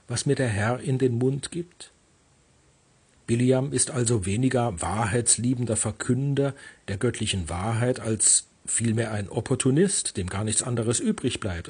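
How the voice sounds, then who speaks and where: A man, a pastor, giving a measured, earnest devotional reflection on a Bible text. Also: mid-range voice, a little mellow, breathy edge.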